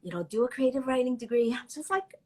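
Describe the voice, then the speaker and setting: Speaking fast in a high, mellow, expressive voice, this middle-aged woman from Canada writes children's books and grew up speaking Cantonese. She laughs a lot and chats with real animation in a relaxed live interview.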